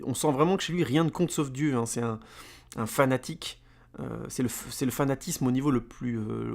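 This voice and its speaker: A man's voice: mid-range voice, gravelly. A man giving a casual spoken film review as a podcaster, rambling with many fillers and repeated words.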